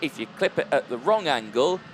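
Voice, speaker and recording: A man's voice: fairly high pitch, lively intonation, a little fast, soft background music. Man doing live motor race commentary. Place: trackside commentary box.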